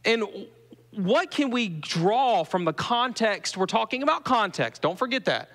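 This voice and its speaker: A man's voice: sits high, sing-song, unhurried, fairly bright tone. A pastor with a Southern US accent giving a conversational sermon to his congregation, asking them questions as he goes. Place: church sanctuary. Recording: long reverb of a church hall.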